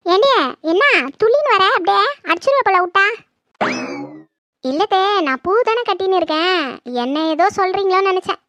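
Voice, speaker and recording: A performer playing a sharp-tongued older village mother-in-law who nags and scolds her daughter-in-law in a comedy skit. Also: fast, no room sound, muffled recording. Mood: scolding. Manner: nagging, shrill scolding.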